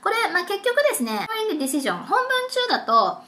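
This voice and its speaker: A young woman tutoring for a test in a casual, chatty lesson, reading passages slowly. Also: high-pitched, sing-song, pushed and bright, slight background noise. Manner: chatty, mixes Japanese and slowly read English.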